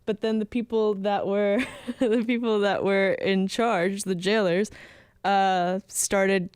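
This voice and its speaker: A woman's voice: medium pitch, steady tone, slow pace, darkish tone, smooth, no room sound, studio quality. A woman guest on a podcast, talking in a slangy, laid-back casual way. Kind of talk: casual chat.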